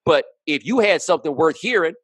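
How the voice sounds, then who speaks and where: A man holds forth as a guest in a relaxed sports discussion, his voice sitting a little high and bouncing up and down as he argues. He leans on rhetorical questions to press each point, and the sound is close and dry with no room around it. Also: brisk, no room sound. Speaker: podcast guest. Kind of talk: casual sports podcast discussion.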